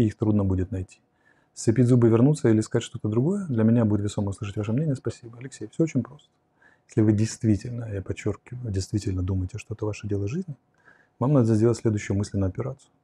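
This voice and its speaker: A man in his forties lectures on philosophy during a livestream, pausing to sketch on a whiteboard as he answers questions. His voice sits low with a very dark, mellow tone and a touch of huskiness. He is close-miked on a lapel in a quiet curtained room. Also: slightly rough. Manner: reflective, explains with a whiteboard, reads questions aloud then answers. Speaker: host answering viewer questions. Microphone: lapel mic.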